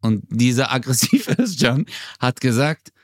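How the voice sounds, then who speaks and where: A man's voice: medium pitch, big pitch swings, unhurried, no room sound, clean studio sound. A man co-hosting a podcast, telling a story in casual chat, acting out the quotes and laughing often. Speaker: podcast co-host.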